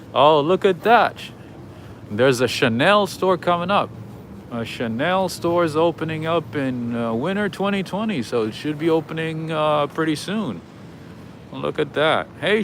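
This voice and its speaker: A man's voice: on the high side, fairly bright tone, slight background noise. A man hosting a live walking tour outdoors on a city street, chatting casually and greeting viewers by name. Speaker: livestream host.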